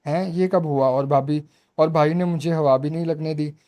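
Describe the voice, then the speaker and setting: A man voicing a chatty, teasing young woman in a spoken romance novel reading, talking quickly and pleading. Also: a little high, steady tone, warm tone, lightly acted. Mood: excited.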